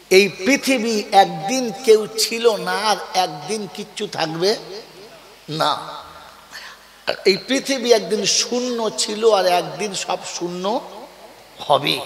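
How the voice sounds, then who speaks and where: High-voiced preacher booming through a hall. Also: male voice, slow pace, creaky, pauses often. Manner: call-and-response, quizzing the crowd and urging them to answer loudly; storytelling with homely examples and a joking edge. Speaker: Islamic preacher. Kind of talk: Bengali waz sermon to a live gathering. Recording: echoey hall from a public address system.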